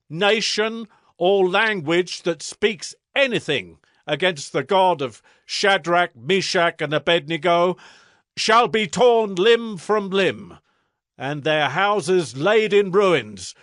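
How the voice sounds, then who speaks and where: Grandiose King Nebuchadnezzar, swooping slow delivery. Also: high voice, a bit bright, no echo, studio quality, exaggerated voice. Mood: imperious decree. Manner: declamatory, solemn, measured royal delivery. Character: proud, grandiose ancient Babylonian king, awed by wonders. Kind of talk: dramatized audio scripture acting.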